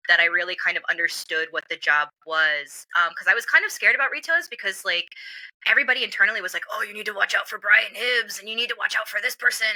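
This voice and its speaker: A woman's voice: mid-range voice, no room sound, rough recording. A woman guest in a casual interview, telling work stories with many fillers and acting out quoted voices. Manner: animated storyteller, acts out quoted voices; frequent "like" and "um" fillers. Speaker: comics industry guest.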